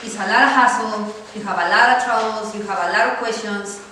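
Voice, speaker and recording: A woman speaking simple, broken English as an interpreter at a pitch night. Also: fairly even intonation, fairly quick, pushed and bright, a little hiss or hum. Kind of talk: public speaking in non-native English. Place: large event hall. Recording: echoey hall with long reverb, far from the mic.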